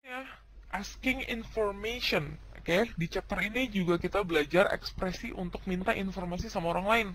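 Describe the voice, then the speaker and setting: A man's voice: high-pitched, normal speed, a bit bright, no echo, rough recording. A man giving a casual, upbeat video lesson in slangy everyday speech. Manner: slangy Jakarta-style casual teaching, upbeat. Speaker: English teacher.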